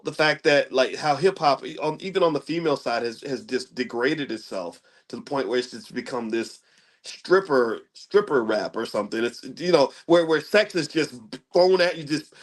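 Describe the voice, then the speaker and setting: A middle-aged man, casually explaining money ideas in a rambling style and often checking in with "right?". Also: mid-range voice. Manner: conversational, rambling with restarts, asks listeners "right?". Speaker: commentator on economics. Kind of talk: casual lecture-style talk.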